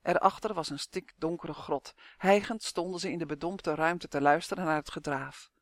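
High-voiced male storyteller, expressive. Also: moderate pace, no echo. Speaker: narrator. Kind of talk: scripted narration of a children's fantasy audiobook.

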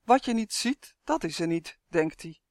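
Storybook giant, mocking and loud, a reader doing the voice; dry close sound. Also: female voice, mid-range voice, measured pace, no room sound, close to an everyday voice. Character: mocking giant with booming low laugh.

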